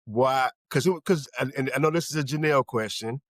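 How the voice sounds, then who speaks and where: A man's voice: mid-range voice, a little fast, dry recording. A male podcast co-host talks. He restarts phrases and repeats words while he thinks it through. The sound is dry and close. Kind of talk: casual group discussion.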